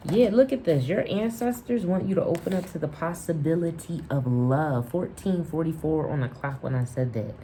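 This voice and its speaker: A woman's voice: low-pitched, normal speed, few pauses, warm tone, slight background noise. A woman doing a spiritual tarot reading, speaking affirmations directly to the listener and often repeating herself. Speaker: tarot reader.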